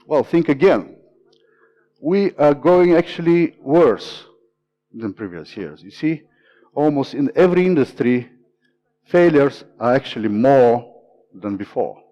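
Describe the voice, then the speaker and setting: A man's voice: medium pitch, big pitch swings, measured pace, pauses often. A man in his forties from Bulgaria with a Bulgarian accent, giving an earnest conference talk full of fillers. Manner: earnest, many fillers, stresses key words. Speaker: conference speaker. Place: conference room. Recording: dull lo-fi room recording.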